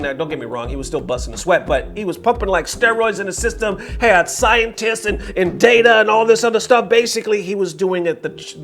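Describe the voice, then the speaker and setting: Fairly high-pitched male host in his forties: animated and slangy in casual commentary. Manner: animated storyteller, loose slang, direct asides to viewers.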